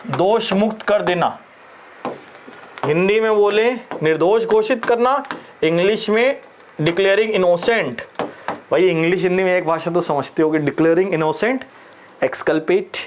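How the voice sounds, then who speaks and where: A man with an Indian accent teaches English vocabulary for an exam, his voice sitting a little high. He is playful and animated, cracking jokes and switching freely between Hindi and English. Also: slight background noise. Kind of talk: Hinglish exam vocabulary lesson.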